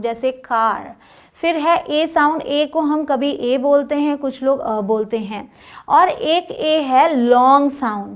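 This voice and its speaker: A woman with a high, bright voice teaches English phonics. She speaks patiently and spells out each word letter by letter. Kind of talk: explaining phonics lesson.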